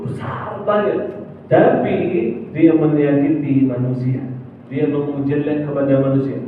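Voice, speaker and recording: A man's voice: a little high, slight background noise. Man preaching in an echoey mosque. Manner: animated, acts out dialogue, drawn-out chanted phrases. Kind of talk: sermon storytelling. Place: mosque hall. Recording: distant, phone-like, very echoey hall.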